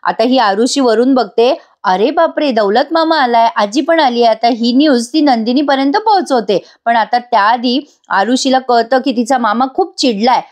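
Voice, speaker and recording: A woman reviewer narrates a TV serial episode in a chatty voice-over, talking straight to her viewers. Her voice is a little high, and she reads every character's lines herself. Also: normal speed, hardly any pauses. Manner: chatty, addresses viewers directly.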